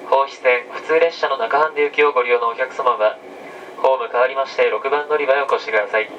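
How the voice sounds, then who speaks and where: Male conductor, mid-pitched, measured formal announcing, heard distantly through clear train noise. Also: fairly even intonation, highs cut off. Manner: measured, formulaic and polite. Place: inside a moving train carriage. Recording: train PA from afar, loud carriage rumble. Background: train running noise.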